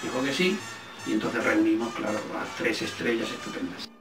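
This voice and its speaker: An older man with an accent from Spain, a film director telling casual anecdotes in an interview, halting as he searches for words. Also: fairly low pitch. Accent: Spanish, from Spain. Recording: roomy, distant microphone, faint music.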